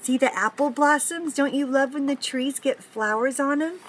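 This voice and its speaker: At a moderate pace, a gentle, encouraging older woman with a fairly high voice hosts a children's read-aloud, pausing the picture book for chatty asides and questions aimed at little listeners. She's indoors in a home office, with noticeable room noise behind her.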